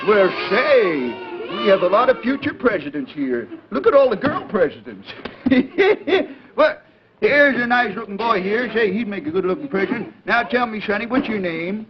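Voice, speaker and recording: A man's voice: high-pitched, sing-song, moderate pace, a crowd in the background. An American man hosting a 1950s children's television show, chatting with kids in a folksy, exclamatory, coaxing way. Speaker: children's TV host. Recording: dull, noisy vintage 1950s TV broadcast.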